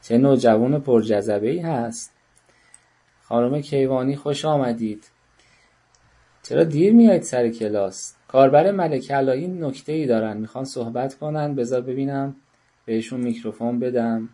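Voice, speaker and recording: A man leads an online parenting class in a mellow, darker-toned voice. He coaxes participants to speak, calls on them by name and teases them lightly. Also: mid-range voice. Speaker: parenting workshop instructor.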